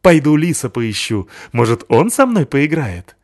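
A man voicing a loud, playful male malamute dog that shouts and barks with excitement. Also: on the high side, a little slow, voice pushed up. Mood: excited.

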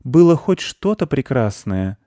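A man's voice: mid-range voice, very animated, unhurried, mellow, no echo, studio quality, pitched above the performer's own voice. A man voicing a haughty, pampered female house cat who speaks in a prim, condescending way.

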